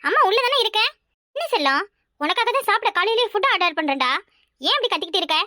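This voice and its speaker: A woman's voice: extremely high pitch, very animated, fast, no echo, studio quality, exaggerated voice. A woman doing a brash scheming village mother in a cartoon. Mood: bossy. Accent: Kanyakumari Tamil. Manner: loud, scolding yet doting.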